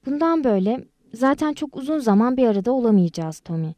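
A woman reading the lines of a steady, wry teenage girl in an audiobook, in a calm manner. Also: on the high side, fast, no room sound, pitched above the performer's own voice. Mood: earnest.

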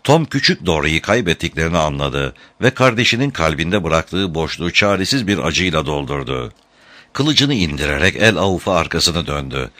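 A man narrating an adventure novel as an audiobook, in a measured, dramatic storytelling manner. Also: a bass voice, very animated, pushed and bright, dry recording.

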